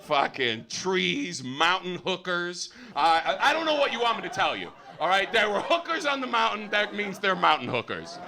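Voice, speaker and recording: A young American man doing a stand-up comedy set on stage, loud and swearing, his voice jumping high on punchlines. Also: very animated, moderate pace, few pauses, crowd noise. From United States. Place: comedy theater with a live audience.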